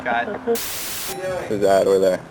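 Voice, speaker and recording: A man's voice: low voice, huge pitch swings, measured pace, gravelly, a crowd in the background, rough recording. A man bantering and teasing his friends in a casual vlog, recorded on a camcorder. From Canada. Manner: joking, playful teasing. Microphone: handheld camcorder. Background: music playing.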